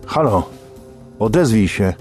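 A man voicing a frightened young woman who shouts urgently at her captor in an audiobook. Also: on the low side, expressive, slow, faint music behind, voice pushed up. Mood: frightened shouting.

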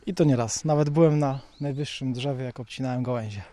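Quiet mellow-voiced male photographer. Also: mid-range voice, quick pace, a little hiss or hum. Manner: speaks quietly. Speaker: hobby photographer. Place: outdoors in a grove.

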